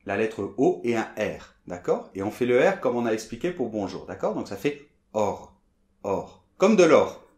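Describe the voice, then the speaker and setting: A French man teaches pronunciation, breaking sounds apart and repeating them slowly for learners. His pitch swings widely as he demonstrates. The room around him is echoey. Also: very animated, a little mellow.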